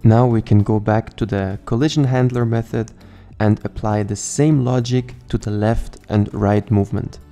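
A man narrating a programming screencast, explaining code step by step in a calm, methodical way. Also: on the low side, normal speed, soft background music.

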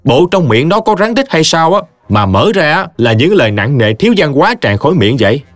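A man's voice: fairly high pitch, sing-song, a little fast, no room sound, soft background music, voice pushed up. A man voicing a stern male village teacher who lectures his friend scornfully. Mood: lecturing.

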